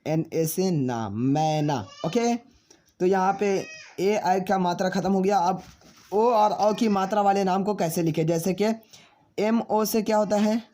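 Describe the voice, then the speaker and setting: A man teaching a spelling lesson, spelling names out slowly letter by letter and answering his own questions as he addresses viewers as friends. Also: sits high, dark tone, a little hiss or hum.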